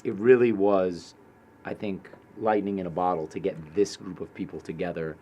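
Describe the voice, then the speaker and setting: A male filmmaker in an interview, speaking quickly and reflectively. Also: deep voice, fairly even intonation, dark tone, a little hiss or hum.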